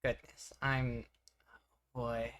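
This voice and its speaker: A young woman with an exceptionally low voice chats casually on a live stream. She rambles, reacts to her chat, and teases herself between tasks, all at a relaxed pace. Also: takes it slowly.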